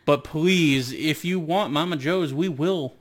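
Joking male podcast co-host, high-pitched. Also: slow. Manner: joking, runs the segment and outro. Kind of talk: casual chat.

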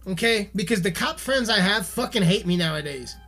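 A man's voice: high voice, expressive, brisk, pushed and bright. A man giving a heated, profanity-filled video rant, swearing constantly and repeating himself, with faint music behind him. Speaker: musician ranting on camera.

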